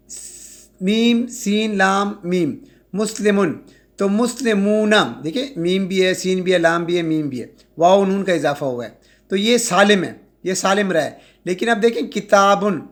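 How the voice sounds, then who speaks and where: Man, high-pitched voice, grammar lecture, slow drawn-out examples, frequent check-ins. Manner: checks in with "ٹھیک ہے؟". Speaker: Arabic grammar teacher.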